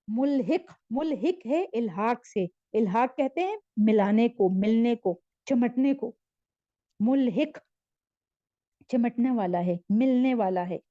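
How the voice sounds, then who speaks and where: A woman teaching a religious lesson, reciting a prayer slowly and then explaining its meaning line by line in a patient teaching tone. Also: fairly high pitch, warm tone, no room sound, dull audio. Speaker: Quran teacher. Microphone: screen-shared online class.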